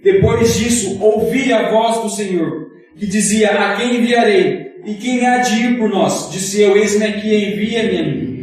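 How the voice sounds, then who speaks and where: A man's voice: high voice, a little slow. A man evangelist preaching a sermon to a congregation, addressing them as brothers and asking pointed questions. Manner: leads the congregation in call-and-response. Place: church hall. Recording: very echoey hall, picked up from far off.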